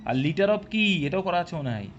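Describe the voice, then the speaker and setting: A man's voice: on the high side, big pitch swings, brisk, dull audio, slight background noise. A man teaching an exam-prep class live, quizzing his students and explaining step by step, sometimes scolding them for answering early. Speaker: English teacher for exam coaching.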